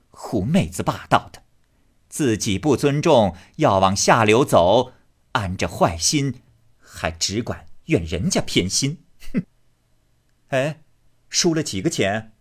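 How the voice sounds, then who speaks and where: A man's voice: lowish voice, slightly rough, exaggerated voice. Bossy young matriarch, voiced by a man. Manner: scolding, commanding.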